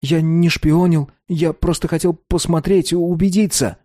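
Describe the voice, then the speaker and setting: Guy doing a nervous teen boy, high pleading voice, blurts everything out, mellow tone, storybook. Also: natural voice. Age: 15 (figure). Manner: earnest and rushing, voice climbing when excited. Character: anxious, eager teenage boy obsessed with vampires. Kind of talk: audiobook character voice.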